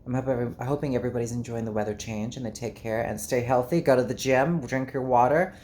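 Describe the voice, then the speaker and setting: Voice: mid-range voice, fast talker, a little mellow, a little hiss or hum. Chatty South African vlogger. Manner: candid, rambling, chatty. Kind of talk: casual monologue to camera.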